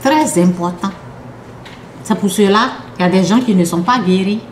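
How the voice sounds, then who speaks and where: A woman's voice: mid-range voice, moderate pace, a little hiss or hum. Emphatic woman preaching in an echoey room. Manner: emphatic, repetitive, drops to hushed tones. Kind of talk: sermon with personal testimony. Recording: echoey room with faint ambience.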